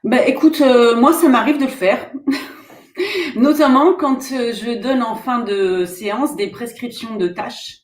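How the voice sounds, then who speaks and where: A woman with a French accent, a therapist, calmly explaining her practice in conversation. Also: fairly high pitch, slow, roomy sound. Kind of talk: casual discussion between therapists.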